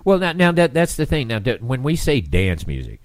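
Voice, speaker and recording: A man's voice: medium pitch, huge pitch swings, moderate pace, dry recording. A male radio host with a stuffed-up nose, chatting in a rambling way and often restarting his phrases. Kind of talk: casual radio interview.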